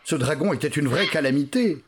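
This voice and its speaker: A man reading a storybook aloud with expressive, unhurried storytelling. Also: a little high, noisy background. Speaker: narrator. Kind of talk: storybook narration.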